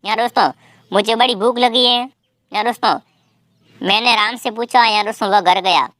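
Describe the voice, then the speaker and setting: A woman teaching an online exam-prep quiz lesson, briskly repeating each question and its options and urging viewers to comment their answers. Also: a little high, a bit bright, dry recording.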